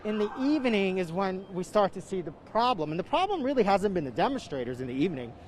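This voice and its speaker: A field news reporter speaks from outdoors on a city street amid a march, surrounded by traffic and street noise. His voice sits high with big pitch swings, a bit muffled by his face mask, and he breathes hard in the humid warmth while haltingly and conversationally taking viewer questions.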